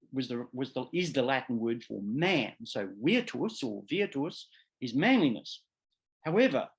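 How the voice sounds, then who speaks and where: Slow, animated lecturing law professor. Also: male voice, mid-range voice, vocal fry. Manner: deliberate, emphatic, restates and corrects himself mid-phrase. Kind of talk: academic seminar lecture.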